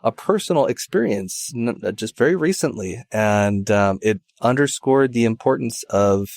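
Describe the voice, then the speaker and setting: A man from Hawaii hosting an interview podcast, speaking reflectively with many pauses and fillers. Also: mid-range voice, expressive, a little mellow, no echo, clean studio sound. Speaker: podcast host. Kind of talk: casual interview conversation.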